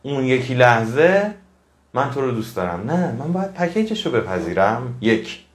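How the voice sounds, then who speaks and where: A man's voice: medium pitch, sing-song, roomy sound. A man giving a motivational talk to his audience, earnest and preachy, repeating phrases for emphasis. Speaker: motivational speaker.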